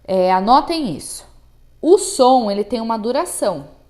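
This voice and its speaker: A woman's voice: a little high, animated, normal speed, dark tone. A Brazilian woman teaching music theory to students, patient and checking in often, counting and chanting rhythm syllables aloud. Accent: Brazilian Portuguese.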